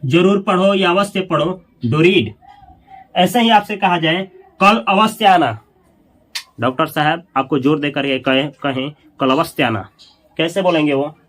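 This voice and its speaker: A man teaching an English grammar lesson in Hindi, repeating each example slowly and asking his students questions. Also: fairly high pitch. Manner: acts out commands with louder emphasis.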